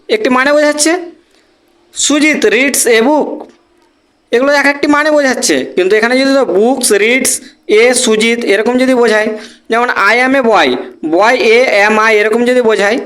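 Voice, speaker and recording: Patient teacher, explaining grammar step by step, mid-pitched voice, repeats examples slowly. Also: fairly bright tone. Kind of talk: Bengali-language English grammar lesson.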